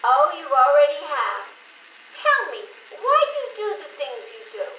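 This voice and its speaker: A woman's voice: high voice, huge pitch swings, normal speed, pushed and bright, exaggerated voice. An actress playing a playful, curious young woman psychiatrist intern, heard played back from a cassette interview tape. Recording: echoey tape with faint hiss.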